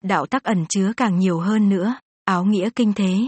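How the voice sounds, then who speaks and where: A learned academy elder , read by a woman, calmly laying out an explanation in a fantasy audiobook. The tone is soft and breathy, with a dry, close sound at a middle pitch. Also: brisk, no echo, natural voice. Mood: explaining.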